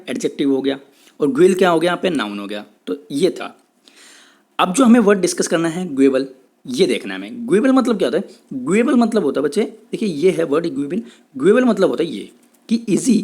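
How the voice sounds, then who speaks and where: A man with an Indian English accent teaching exam vocabulary in a Hindi-English lecture, repeating himself often and saying English definitions slowly. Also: fairly high pitch, a little mellow. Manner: repetitive, checks in with "theek hai", says English definitions slowly.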